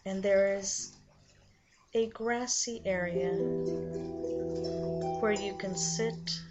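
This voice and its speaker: A woman narrates a guided meditation in a soothing, measured manner, with lingering pauses between short phrases. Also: medium pitch, steady tone. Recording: muffled lo-fi sound under loud music. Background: loud background music.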